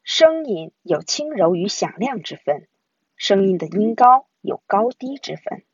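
Expressive woman reading a children's book. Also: mid-range voice, a little slow, slightly rough, dry recording, muffled recording. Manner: expressive storytelling. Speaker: storybook reader.

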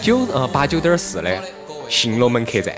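A man's voice: medium pitch, wildly swooping pitch, normal speed. A man from Sichuan with a Sichuan accent, hosting a casual chat and telling stories in colloquial dialect with rhetorical questions. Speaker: talk show host. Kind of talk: casual chat, reminiscing about local radio and music. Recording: music playing behind the voice. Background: music.

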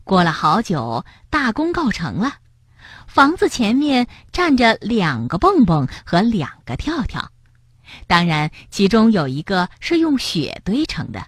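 A woman reading a children's storybook aloud in an expressive way, speaking to young listeners. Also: medium pitch, measured pace, slightly rough, no echo, clean studio sound.

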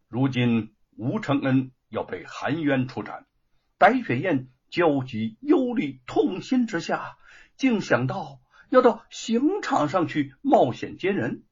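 A man narrating a historical story in a dramatic, expressive audiobook style. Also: fairly high pitch, husky. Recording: dull lo-fi recording.

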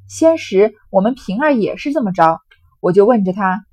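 A woman reading as a brisk, sharp-tongued young noblewoman. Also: medium pitch, slightly rough, dry recording. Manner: brisk, teasing, commanding.

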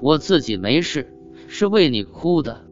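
A young female fox spirit from a spoken ghost tale, voiced by a man. She talks slowly and gravely. Faint guitar plays under a muffled, lo-fi recording. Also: a little high, big pitch swings. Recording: dull lo-fi audio with faint guitar.

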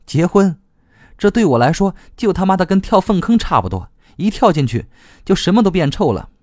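A man reading a story aloud, voicing an irritable, foul-mouthed man who speaks sharp and raised. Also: high voice, sing-song, moderate pace, dry recording, studio quality, pitched above the performer's own voice. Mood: irritated.

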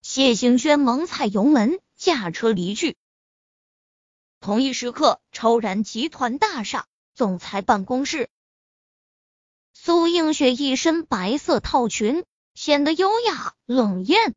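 A woman reads a web novel aloud with expressive storytelling. Her voice is high and very animated. The sound is dry and a little muffled. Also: slow pace, no echo. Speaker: audiobook narrator. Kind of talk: scripted novel narration. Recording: dull lo-fi recording.

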